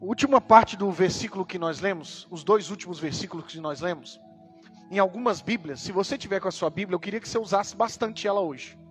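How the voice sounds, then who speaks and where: A man's voice: sits high, a little fast, soft background music. A man with a Brazilian Portuguese accent preaching a sermon, opening with a prayer and then teaching emphatically through repeated rhetorical questions. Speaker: pastor.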